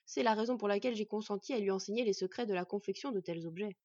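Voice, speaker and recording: A woman voicing a proud old male dwarf blacksmith with booming, emphatic exclamations. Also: fast, darkish tone, no room sound, lo-fi sound, close to an everyday voice. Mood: solemn.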